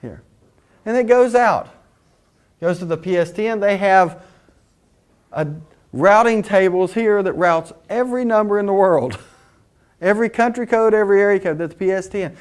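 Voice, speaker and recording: High-voiced man teaching. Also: moderate pace, pauses often, smooth. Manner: conversational, anecdotal, rhetorical questions. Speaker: instructor. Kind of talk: technical lecture.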